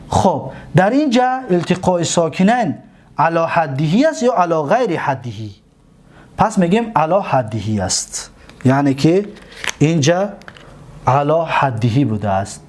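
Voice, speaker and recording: A man with a Tajik accent gives a classroom grammar lesson in a fairly high voice. He explains each point patiently, repeats himself, and stretches the example words out slowly so students can follow. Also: darkish tone. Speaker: religious seminary teacher.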